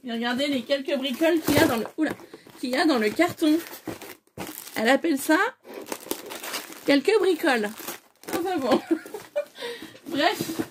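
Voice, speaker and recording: A woman's voice: sits high, moderate pace, pauses often, noisy background. A woman chatting casually to camera as she unpacks a parcel, effusive and full of hesitant fillers. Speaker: scrapbooking vlogger. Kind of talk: casual unboxing chat.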